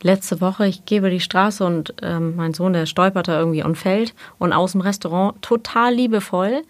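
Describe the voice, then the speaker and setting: A woman's voice: on the low side, normal speed, no room sound. A woman host in casual conversation, listening attentively with frequent affirming murmurs.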